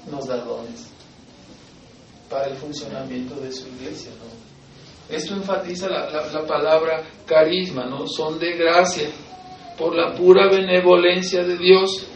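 A pastor with a Mexican Spanish accent preaches emphatically, posing rhetorical questions, answering them, and rising into loud exhortation. His voice is on the high side and gravelly. He sounds far from the mic in an echoey room, and the lo-fi recording carries slight background noise.

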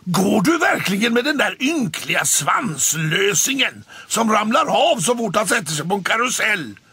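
A man voicing a sly, spiteful male tomcat who taunts and jeers loudly in a children's story. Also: sits high, big pitch swings, breathy edge, dry recording, pitched above the performer's own voice, full character voice. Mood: jeering. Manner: taunting, loud and jeering.

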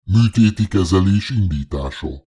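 A man putting on the voice of a sci-fi medical machine, a cold automated system in an audiobook. It sounds extremely deep and dark, with a husky edge, giving flat, clipped announcements. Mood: flat, mechanical.

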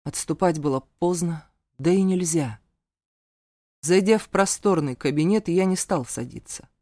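A narrator reading a dramatic first-person novel in a measured storytelling manner. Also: mid-range voice, darkish tone, no room sound, studio quality. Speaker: audiobook narrator.

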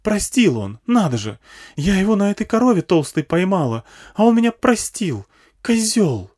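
A man's voice: a little high, big pitch swings, slow, mellow, husky, voice pushed up, full character voice. A man reading an audiobook voices a hysterical, jealous, foul-mouthed woman from the wasteland who shrieks in panic and fury. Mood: furious.

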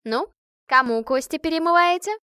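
A woman voicing a brash, hot-tempered young woman who talks loudly and indignantly with rough slang. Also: high voice, normal speed, no echo, clean studio sound, pitched above the performer's own voice. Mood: gossipy.

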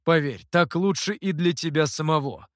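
A man's voice: a little high, a bit bright, no room sound, lightly acted. A man playing a dry, cunning old master. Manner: dry, measured, wry. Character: calm, dry, cunning male master, older mentor. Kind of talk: audiobook character voice.

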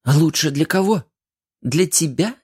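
Man voicing a heartbroken young woman, shrill. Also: expressive, a little slow, darkish tone, slightly rough, exaggerated voice. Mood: desperate. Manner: tearful, pleading, shrill outbursts.

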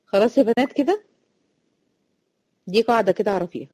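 A woman's voice: a little high, expressive, mellow, no room sound. A woman with an Egyptian accent teaching a Quran recitation lesson to female students, chatty, repeating each rule and checking if they follow. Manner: chatty, explains by repeating rules and asking quick check questions.

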